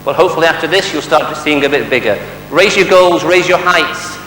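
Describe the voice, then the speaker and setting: A Mancunian sales trainer from Manchester, England, gives a motivational seminar talk in a large hall before a live audience, quizzing them with rhetorical questions and jokes. His voice is fairly high and fairly bright, and the echoey hall adds long reverb and a faint hum.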